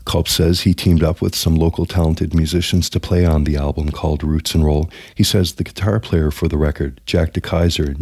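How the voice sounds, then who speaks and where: A man narrating a scripted news feature as the reporter, in a measured, even way. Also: extremely low pitch, vocal fry, husky, no room sound.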